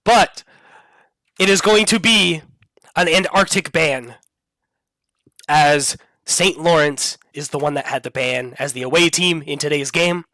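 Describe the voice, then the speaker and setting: A man's voice: fairly high pitch, a little slow, long pauses, pushed and bright, no room sound. A man casting a college esports final, upbeat and hyping up each player, a little under the weather. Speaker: play-by-play caster. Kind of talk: esports commentary.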